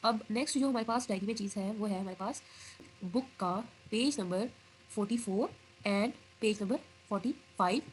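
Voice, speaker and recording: Woman teacher reading slowly, soft hiss. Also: mid-range voice, poor audio. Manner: explains step by step, repeats "ठीक है"; reads example sentences slowly. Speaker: English teacher. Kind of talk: recorded online class explanation.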